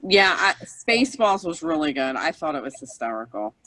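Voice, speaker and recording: A woman in casual video call chat, animated when telling a story but hesitant with fillers. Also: deep voice, normal speed, rough recording. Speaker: cosplay group member.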